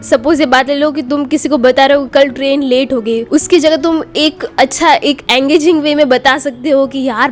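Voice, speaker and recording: A woman giving motivational advice, speaking straight to the listener and mixing English phrases into her talk. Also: high voice. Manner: direct, addresses the listener personally; mixes English phrases into Hindi speech. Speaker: self-improvement vlogger.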